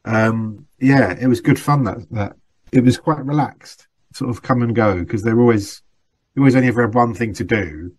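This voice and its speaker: A man's voice: mid-range voice, moderate pace. A middle-aged man, a guest actor chatting casually and laughing often at himself. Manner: self-deprecating, laughs often while talking. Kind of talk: casual chat.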